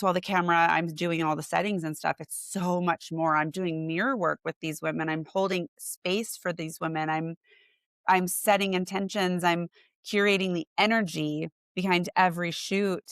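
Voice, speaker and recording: A portrait photographer in her forties talks in a casual interview, lively acting out the excited reactions of her clients. Her voice is on the low side, captured in a dry, studio-quality recording.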